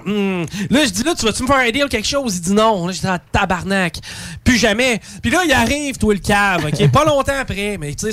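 A man's voice: high voice, no echo. A man with a Québécois accent telling a comic story among friends, ranting, swearing freely and acting out both sides of the conversation. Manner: animated ranting, heavy swearing, acts out both sides of a dialogue.

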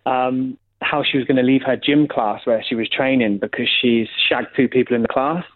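A man's voice: medium pitch, steady tone, moderate pace. A young man telling a long story in casual chat, rambling with lots of fillers. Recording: tinny phone-like sound.

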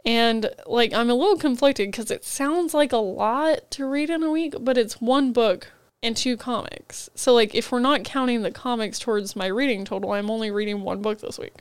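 Female co-host, casual book chat, has a cold, chatty, smooth clear tone, dry close sound. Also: fairly high pitch, normal speed, dry recording. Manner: chatty, rambling book rundowns with frequent "like". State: has a cold, head foggy.

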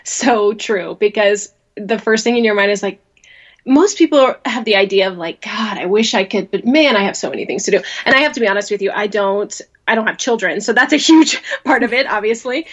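A podcast guest from rural Louisiana, USA, chats in a casual interview, rambling and laughing a lot as she restarts her sentences. Her voice is medium-pitched and brisk, and the sound is lo-fi.

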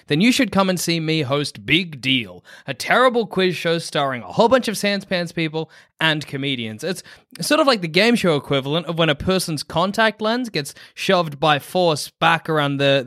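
A man's voice: a little high, fairly bright tone, no room sound, studio quality. A man putting on a campy drag-queen announcer with a theatrical drawl.

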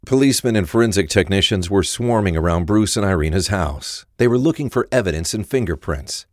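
An animated male narrator, his voice very low, tells a scripted crime story a little quickly. It's recorded closely, with no echo.

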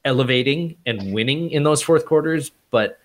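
A man's voice: medium pitch, normal speed. A man co-hosting a casual sports podcast, opinionated and thoughtful, often restarting as he builds his point. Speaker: podcast co-host.

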